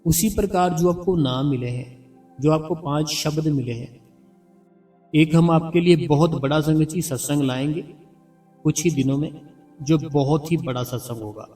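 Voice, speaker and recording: Male spiritual teacher, coaxing and repetitive, distant mic, faint music bed. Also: on the high side. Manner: repetitive, slow and coaxing, softly chants names. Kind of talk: devotional guidance talk. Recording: heard from a distance over background music.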